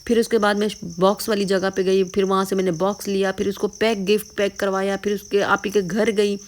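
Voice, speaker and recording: A woman's voice: mid-range voice, little pitch movement. A tired woman, chatting casually to her viewers in a vlog. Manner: chatty, tired, often addresses viewers as "janab". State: hoarse, tired voice. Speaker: vlogger.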